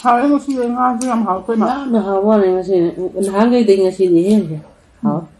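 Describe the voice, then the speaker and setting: A woman's voice: medium pitch, rapid-fire, mellow, poor audio. Woman talking with her mouth full. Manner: short murmured replies between bites. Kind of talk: casual chat while eating.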